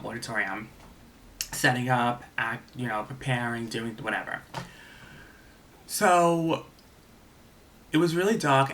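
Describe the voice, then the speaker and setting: Bright-voiced young man rambling. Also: medium pitch, a little hiss or hum. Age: young adult. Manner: rambling, filler-heavy, profane. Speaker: storyteller. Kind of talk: casual storytime.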